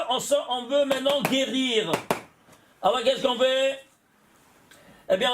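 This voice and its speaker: High-voiced, slow rabbi teaching a class. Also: male voice, a little hiss or hum. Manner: talks directly to listeners, checking they follow; chuckles often while explaining. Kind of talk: Torah lesson to students.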